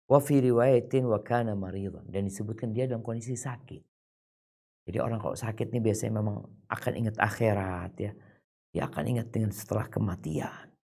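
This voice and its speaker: Male preacher swinging high to low. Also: brisk, creaky. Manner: recites Arabic quotations then explains them in casual speech; swings widely between high and low, loud and soft. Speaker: Islamic preacher. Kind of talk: religious lecture.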